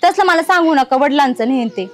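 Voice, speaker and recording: A sharp-tongued young daughter-in-law, played by a woman, ranting fast in a very high, piercing voice. She spits scorn and complaint at her in-laws in a village family drama. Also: expressive. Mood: scornful. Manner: scolding, contemptuous rants.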